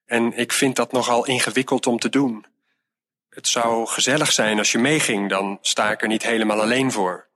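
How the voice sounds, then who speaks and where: A man reading a storybook aloud and voicing a fretful middle-aged mother who sighs and scolds as she clears out her late mother's room. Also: mid-range voice, fairly even intonation, moderate pace, a bit bright, natural voice. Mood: weary. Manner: exasperated, sighing, scolding.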